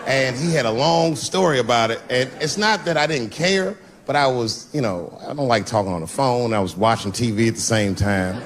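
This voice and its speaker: A man's voice: medium pitch, lively intonation, normal speed, hardly any pauses. A man doing a stand-up comedy set at a live show, telling a story and acting out the voices of the people in it. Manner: storytelling, acts out quoted voices. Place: live venue with laughing audience. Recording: live show, faint background noise, laughter. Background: audience laughter.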